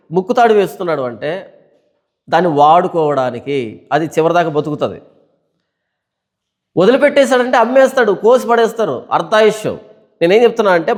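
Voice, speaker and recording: Guy preaching a bible study, pretty high voice, lots of questions and repeats. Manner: preaching with rhetorical questions and repetition; reads scripture verses in a slow formal cadence. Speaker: pastor.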